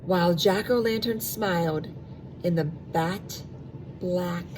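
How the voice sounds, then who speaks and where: A lowish-voiced woman slowly reads a storybook aloud to young children, animated and expressive, stretching sound words and speaking asides to her audience. It's a rough recording with a little hiss or hum.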